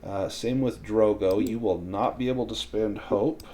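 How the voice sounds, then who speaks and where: A man running a tabletop role-playing game, narrating and explaining rules in a measured way. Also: fairly low pitch, dark tone, a little hiss or hum. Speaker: game master.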